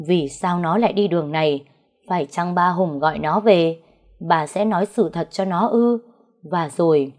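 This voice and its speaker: A woman narrating a dramatic audio story in a steady, measured reading. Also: on the low side.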